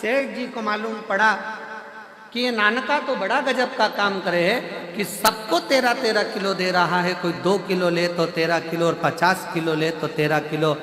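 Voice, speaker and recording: A male preacher with a high, bright voice tells funny stories slowly and dramatically. His words echo through a large hall with long reverb and faint music. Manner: dramatic, switches into character voices. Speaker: preacher, religious storyteller. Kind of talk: sermon with humorous storytelling.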